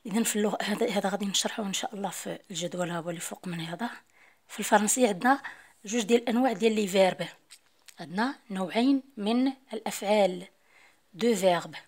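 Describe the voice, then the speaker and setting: A woman with a Moroccan accent and a husky, mid-range voice teaches a French lesson, explaining the rules while mixing formal Arabic, Moroccan Arabic and French terms. When she reads French examples and rules, she dictates slowly and deliberately.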